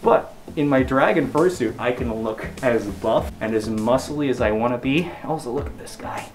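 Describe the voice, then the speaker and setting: A man's voice: mid-range voice, normal speed, faint music behind. A young man chatting in an upbeat, casual way from inside a fursuit head. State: through a costume head. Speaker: furry video creator showing his fursuits. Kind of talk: casual vlog chat.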